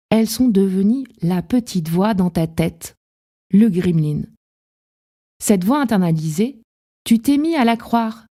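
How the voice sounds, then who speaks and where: Une femme qui anime un podcast de développement personnel et parle calmement à l'auditeur en le tutoyant. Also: female voice, on the low side. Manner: gentle, addresses the listener directly. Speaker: podcast host. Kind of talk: calm self-help podcast talk.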